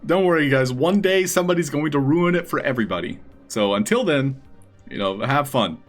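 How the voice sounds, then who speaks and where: A man's voice: on the high side, lively intonation, fairly quick, faint music behind. A man hosting a live stream, chatting casually with his viewers.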